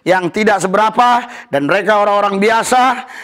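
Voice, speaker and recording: A man preaching a fervent sermon as pastor, often calling out hallelujah and rising to exultant shouts. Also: sits high, moderate pace. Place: church service.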